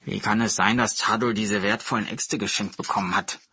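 A man putting on a jealous, scheming woodcutter who mutters sourly and wails in a put-on, self-pitying way. His voice is bright and husky. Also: lowish voice, fairly even intonation, fairly quick, no echo, heavily acted. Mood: grumbling. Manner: theatrical wailing and grumbling. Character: envious, scheming male woodcutter, whiny.

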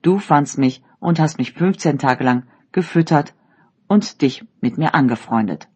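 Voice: mid-range voice, expressive, a little slow, darkish tone, slightly rough. A storyteller voicing a kindly, loyal talking blue bird in a read-aloud fairy tale. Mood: gentle.

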